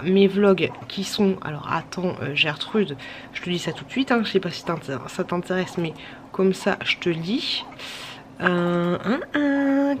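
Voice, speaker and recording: A tired woman, chatting casually to camera at home late at night, rambling with many fillers and restarts. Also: on the low side. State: a little sick. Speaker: vlogger. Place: home at night, pumping breast milk. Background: breast pump hum.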